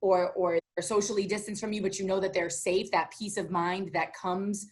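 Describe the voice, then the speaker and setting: A woman radio host chatting casually and warmly in an interview, full of fillers and enthusiasm. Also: mid-range voice, little pitch movement, moderate pace.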